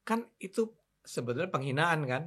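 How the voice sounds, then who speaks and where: An older man in a casual talk show, telling his side of a political falling-out in an animated, opinionated way. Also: fairly high pitch, normal speed, slightly rough. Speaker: political commentator.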